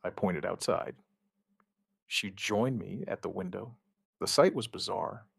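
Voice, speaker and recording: A man tells a scripted first-person survivor horror story, his delivery grave, with short measured phrases and dramatic pauses. He's low-pitched. The studio-quality recording has no room sound.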